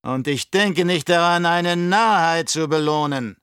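A scheming old baron with a raised, forceful voice that drags its words out in slow mockery, as a male audiobook reader puts him on. The recording is dry and close. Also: a little high, clean tone, dry recording, pitched above the performer's own voice. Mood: menacing. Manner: slow, drawn-out, mocking delivery. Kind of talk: audiobook character voice.

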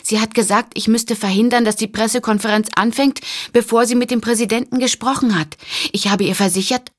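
Woman doing a shrill flustered phone operator. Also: steady tone, fairly quick, natural voice. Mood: urgent. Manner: high-pitched, urgent, pleading.

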